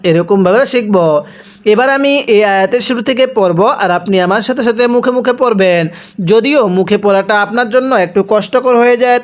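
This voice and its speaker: A man from Bangladesh teaching Quran reading, spelling out words and reciting verses slowly, then explaining the rules in brisk bursts. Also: high voice. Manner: patient, drawn-out recitation alternating with brisk explanation.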